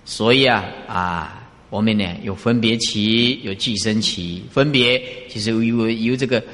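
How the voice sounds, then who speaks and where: A man giving a casual dharma talk as a Buddhist master, conversational and animated, often asking his listeners rhetorical questions. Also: on the low side, measured pace. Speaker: Buddhist master teaching disciples. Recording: reverberant hall.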